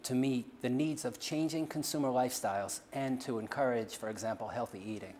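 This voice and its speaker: A man hosting a corporate video interview, reading smooth scripted questions in a polished way. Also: medium pitch, brisk, darkish tone, a little hiss or hum. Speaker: interview host. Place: studio.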